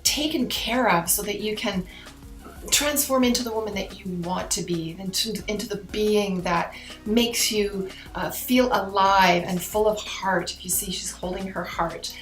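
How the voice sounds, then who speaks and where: A woman's voice: mid-range voice, fairly bright tone, echoey room. A woman doing a card reading to camera like a fortune teller, chatting directly to viewers in a mystical new-age way. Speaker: tarot and oracle card reader hosting her own channel.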